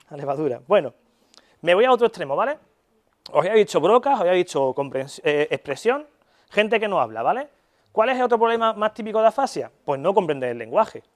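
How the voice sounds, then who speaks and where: A young Spanish man giving a university lecture in a casual, chatty way, often checking in with his listeners and swearing in jest. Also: on the high side. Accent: Spanish (Spain). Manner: casual, chatty, frequent "¿vale?" check-ins. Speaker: neuropsychology lecturer.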